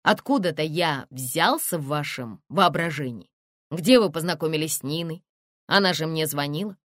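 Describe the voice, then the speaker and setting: A woman's voice: low-pitched, moderate pace, a bit bright, no echo, studio quality. A woman reading an audiobook and voicing a curt, sardonic middle-aged male museum director.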